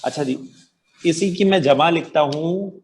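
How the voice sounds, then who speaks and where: A man's voice: a little high, a little hiss or hum. A man teaching an online Arabic grammar class, quizzing students patiently and affirming their answers. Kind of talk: interactive online class lecture.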